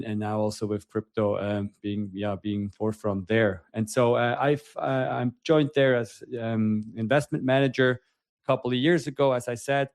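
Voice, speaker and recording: A man's voice: medium pitch, darkish tone, no room sound. Man, earnest guest. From Switzerland. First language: Swiss German. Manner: earnest, searching for words, many fillers. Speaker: panel guest, investment manager. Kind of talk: casual self-introduction. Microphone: remote audio call.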